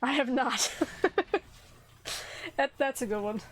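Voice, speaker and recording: A woman's voice: fairly high pitch, slow pace, fairly bright tone. A woman streamer chatting casually with viewers while she plays a video game. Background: faint game music.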